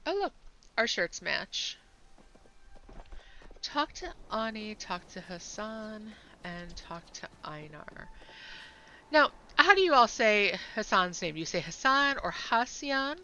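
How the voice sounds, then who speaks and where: A woman's voice: mid-range voice, takes it slowly, pauses often, slight background noise, low-quality recording. Chatty woman streaming a game. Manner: chatty and relaxed, thinking aloud while playing. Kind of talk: casual gameplay commentary.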